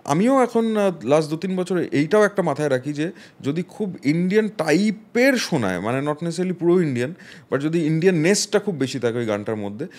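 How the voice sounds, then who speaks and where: Man explaining, slightly high-pitched. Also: expressive, a little fast, darkish tone. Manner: thoughtful, explains with musical examples; mixes English phrases into his speech. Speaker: music producer guest. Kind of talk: explanatory interview talk.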